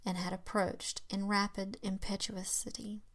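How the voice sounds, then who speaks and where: A woman reading a classic tale aloud in a hushed, half-whispered voice, with slow, dramatic phrasing and occasional slips. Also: medium pitch, little pitch movement. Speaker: reader.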